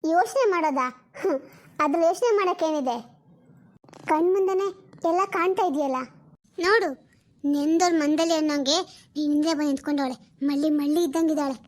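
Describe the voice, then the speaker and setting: A woman voicing a jealous shrill young wife. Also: a little fast, long pauses, darkish tone, close to an everyday voice. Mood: accusing. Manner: scolding, accusing, shrill. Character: sharp-tongued young wife, jealous and furious. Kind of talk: animated cartoon drama voicing.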